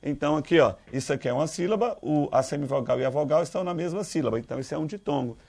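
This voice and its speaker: A Brazilian man teaching Portuguese grammar for an exam, lively, quizzing his students with questions and calling them dear. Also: a little high, racing, creaky. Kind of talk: exam-prep grammar lesson.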